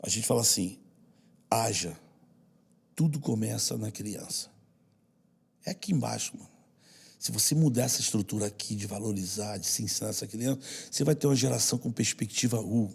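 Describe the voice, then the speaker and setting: A man from Brazil, a podcast guest, telling personal stories in an earnest, heartfelt way and sometimes dropping to a soft hush. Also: lowish voice, a little fast, pauses often. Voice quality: gravelly and very husky. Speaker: podcast guest, social project leader. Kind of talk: personal storytelling in conversation.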